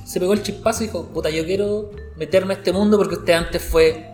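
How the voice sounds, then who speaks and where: A man's voice: high-pitched, fairly even intonation, a little fast, echoey room, music in the background. A man with a Chilean accent, hosting a podcast and asking a guest curious, teasing questions. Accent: Chilean Spanish. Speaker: podcast host. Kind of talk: casual podcast interview.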